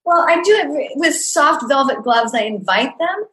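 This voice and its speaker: A woman's voice: high-pitched, expressive, normal speed, fairly bright tone, rough recording. A middle-aged woman, an executive coach, answering interview questions in an earnest, reflective way.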